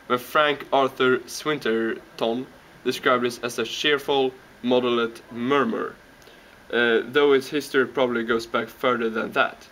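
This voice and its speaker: A man's voice: medium pitch, bright, forceful tone, a little hiss or hum, low-quality recording. A man reading a text aloud in a casual home video, stumbling carefully over the words. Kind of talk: halting read-aloud.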